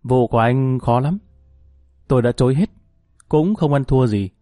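A man's voice: medium pitch, moderate pace, mellow, dry recording, studio quality, close to an everyday voice. A man voicing a worried male defense lawyer who sounds resigned, in a spoken story.

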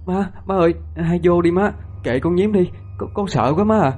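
A man's voice: lively intonation, a little fast, darkish tone, faint music behind, close to an everyday voice. Man playing a whiny, scared young woman. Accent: Southern Vietnamese. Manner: whiny and shrill, complaining. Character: frightened, sharp-tongued young woman, the daughter.

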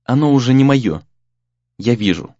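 A serious young female temple apprentice , as a male reader voices her, speaks in an anxious, hesitant way. The delivery is lively in pitch. The recording is dry, dull and lo-fi. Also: normal speed, no room sound, close to an everyday voice. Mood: wary.

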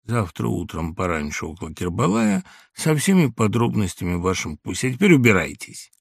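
A man voicing a cold, self-assured zoologist who speaks calmly and mockingly, as in an audiobook. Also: fairly low pitch, creaky, husky, no room sound, clean studio sound, full character voice. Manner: calm, measured, mocking. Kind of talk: audiobook reading.

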